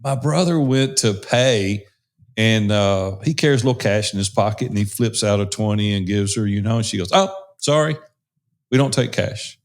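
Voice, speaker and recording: A man's voice: fairly low pitch, moderate pace. A man co-hosting a podcast from a studio, telling chatty stories and laughing often. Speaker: podcast co-host. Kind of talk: casual podcast chat.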